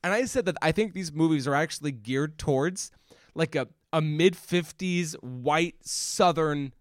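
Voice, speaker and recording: A man's voice: fairly high pitch, a little slow, no room sound, studio quality. A man co-hosting a podcast, chatting casually about a movie and restarting his sentences often. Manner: rambling, restarts often, animated. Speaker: podcast co-host. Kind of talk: casual movie review chat.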